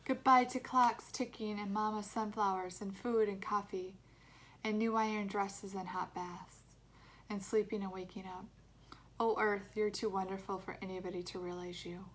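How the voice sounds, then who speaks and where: A woman's voice: mid-range voice, steady tone, moderate pace, close to an everyday voice. A woman reading as a tearful teenage girl on stage. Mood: tearful farewell.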